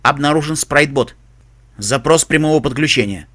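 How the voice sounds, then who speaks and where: A man voicing a metallic, emotionless helmet computer that gives clipped, flat system announcements and lists dictionary words in an audiobook reading. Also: a little high, normal speed, lightly acted. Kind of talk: audiobook reading of a fan story.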